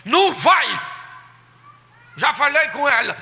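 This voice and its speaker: A man doing a loud, bossy father. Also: very high-pitched, expressive, slow, pitched above the performer's own voice, heavily acted. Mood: gruff. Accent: Brazilian Portuguese. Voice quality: loud and gruff. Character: stern, bossy middle-aged father. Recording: long reverb of a church hall.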